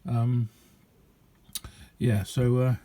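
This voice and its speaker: A man with a medium-pitched, dark voice and a level tone gives a casual, rambling hands-on demonstration as a radio hobbyist. He's chatty, a bit hesitant, and in no hurry.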